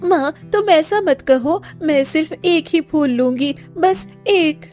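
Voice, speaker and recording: A woman's voice: high voice, lively intonation, takes it slowly, a little mellow, soft background music. A woman voicing a playful, teasing younger sister in a cartoon story, with a cheeky way of talking.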